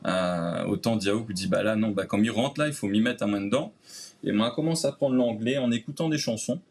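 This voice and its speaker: Talking a little fast, a man with a fairly low, darkish voice chats casually as a guest in an interview. He is from Réunion, has a Réunionese French accent, and fills his hesitant sentences with "euh" and creole-tinged phrasing.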